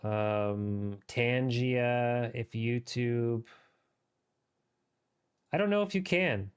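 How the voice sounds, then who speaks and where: A man's voice: mid-range voice, very slow, clean tone. A man streaming a game live, chatting casually and riffing off the cuff in a rambling way. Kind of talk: casual livestream chat while gaming.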